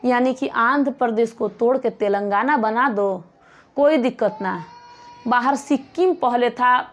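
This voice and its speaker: A woman coaching teacher giving a classroom lecture, asking rhetorical questions and repeating points slowly. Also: a little high, faint music behind.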